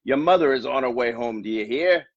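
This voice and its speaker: A man voicing a nervous, scolding pet fish from a children's storybook in a high, strained, worried voice. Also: lively intonation, brisk, no echo. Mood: fretful. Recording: dull lo-fi dry recording.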